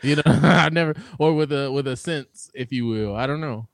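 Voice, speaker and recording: A man's voice: medium pitch, moderate pace, gravelly, no room sound, clean studio sound. A man co-hosting a relationship podcast, talking casually, teasing his co-host and laughing often, with stumbles and restarts. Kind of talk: casual chat.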